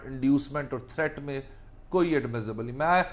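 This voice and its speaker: A Pakistani man with a medium-pitched voice lectures on law at a fairly quick clip. He explains animatedly, blending Urdu with English legal terms and repeating key phrases.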